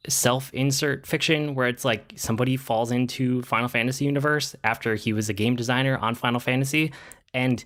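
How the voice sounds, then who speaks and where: A man co-hosting a podcast, chatting casually in a relaxed, hesitant way. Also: mid-range voice, brisk. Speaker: podcast co-host. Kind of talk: casual chat.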